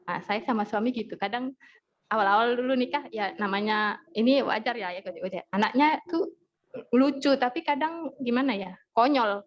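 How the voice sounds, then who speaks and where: Woman, parenting talk, lively storytelling, dull lo-fi sound. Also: a little high, normal speed. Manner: chatty, storytelling, acts out family dialogue. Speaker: hypnotherapist speaker. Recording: dull lo-fi audio with faint noise.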